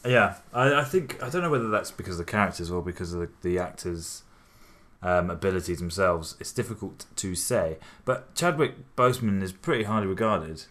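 A man talking through a film in casual podcast chat, measured with dry humour. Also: sits low, lively intonation, fairly bright tone.

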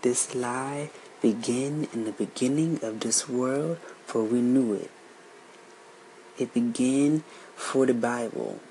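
Guy putting on a gruff old granny, bossy and scolding, slow drawl, faint hum behind. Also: medium pitch, warm tone, rough recording. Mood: stern scolding. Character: stern old Southern grandmother storyteller.

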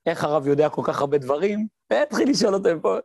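A rabbi gives a Torah lesson in a voice that sits high for a man. He tells his stories with energy, mimics the sounds in them, and fires off his own questions before he answers them. The recording is close and dry, with no room sound. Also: vocal fry, dry recording. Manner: lively storyteller who mimics sounds and voices. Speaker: rabbi teaching a class.

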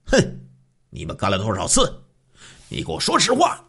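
A man voicing a cruel, jealous husband who scolds his wife gruffly. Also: lowish voice, huge pitch swings, moderate pace, sharp tone, exaggerated voice. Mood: menacing.

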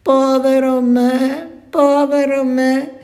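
A woman's voice: on the high side, takes it slowly, a little mellow. A woman voicing a timid little male pet dog who whimpers and frets in a plaintive voice, in a children's storybook reading. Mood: lamenting.

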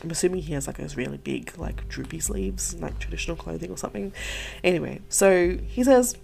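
A woman's voice: fairly low pitch, brisk, gravelly, a little mellow, slight background noise. A woman podcast host retelling a folktale in a chatty, profane way, full of "like" and side remarks. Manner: profane, chatty, many likes and asides. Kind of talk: casual storytelling.

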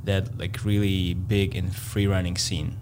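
A low-voiced man with a Latvian accent answers questions in modest, halting English. A faint hum sits beneath his voice. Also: flat delivery. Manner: halting non-native English, modest and soft-spoken. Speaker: free runner, guest. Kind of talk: casual interview chat.

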